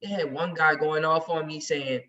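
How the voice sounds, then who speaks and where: A man's voice: a little high, steady tone, normal speed, sharp tone. A man talking emphatically and heatedly in casual chat as a regular on a sports podcast. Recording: distant, muffled recording.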